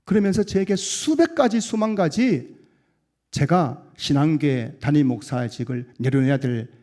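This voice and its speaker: Male pastor, earnest sermon delivery, fairly high pitch, loud emphatic peaks that fall away to quiet endings. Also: lively intonation, moderate pace. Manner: drops low and quiet to close sentences.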